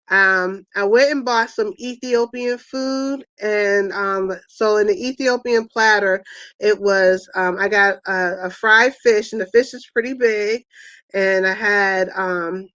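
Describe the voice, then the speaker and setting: A woman's voice: medium pitch, fairly even intonation, takes it slowly, pushed and bright, smooth, no echo. A middle-aged woman hosting an online wellness chat, rambling casually with many fillers and restarts. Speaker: host of an online wellness party. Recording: dull, lo-fi sound.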